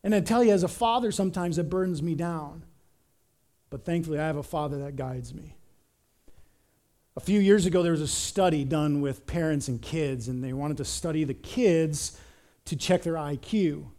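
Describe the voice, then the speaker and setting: A middle-aged man preaching a sermon as pastor, telling stories in an animated way and often repeating words. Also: on the high side, moderate pace. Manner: animated storytelling, repeats words, acts out quotes.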